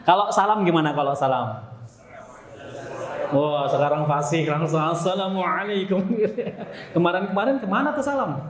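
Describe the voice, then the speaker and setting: Guy teaching tajwid to a room, kinda high voice, jokes around a lot, sings the arabic letters, echoey hall. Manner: playful, laughs often, models Arabic sounds in a sung drill. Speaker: Quran recitation teacher.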